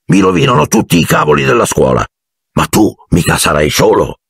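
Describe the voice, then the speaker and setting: A man doing a gruff, blunt giant of a gamekeeper in an audiobook, growling and grumbling through low, husky words. He sounds close and dry, with no room around him. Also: wildly swooping pitch, fairly quick, fairly bright tone, no echo, heavily acted.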